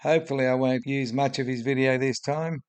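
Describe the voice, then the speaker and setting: A man's voice: medium pitch, fairly even intonation, brisk. A man in his seventies with a broad Australian accent and a droning voice, giving blunt, opinionated spoken commentary as a video host. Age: 70s. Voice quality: droning, gravelly.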